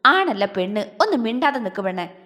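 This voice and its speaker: A woman's voice: on the high side, sing-song, normal speed, pushed and bright. A woman voicing a clever, scheming young woman who talks playfully and bossily. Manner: playful, bossy. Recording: long hall reverb.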